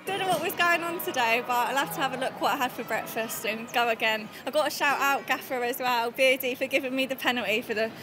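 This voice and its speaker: A woman's voice: high voice, quick pace, hardly any pauses, over music. A woman footballer chatting casually after a match, cheerful and laughing often. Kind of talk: casual post-match interview.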